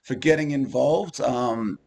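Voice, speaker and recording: A man, co-hosting a relaxed, rambling chat about a gaming event. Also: medium pitch, slow, vocal fry, a little hiss or hum. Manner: relaxed, rambling with many ums and restarts. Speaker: co-host of a gaming group video. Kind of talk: casual chat.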